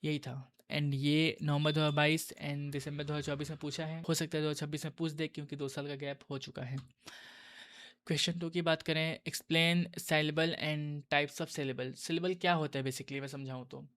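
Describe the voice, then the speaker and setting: A man's voice: on the high side, little pitch movement, fairly quick. A young man giving a casual exam-prep lesson, talking to his viewers like friends and calling them bro while he walks through questions. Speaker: exam tutor.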